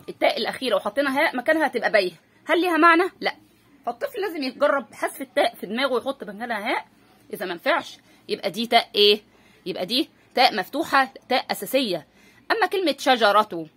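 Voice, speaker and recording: A woman's voice: on the high side, a bit bright, husky. A woman teacher with an Egyptian accent, giving a patient spelling lesson for children and asking and answering her own questions. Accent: Egyptian Arabic.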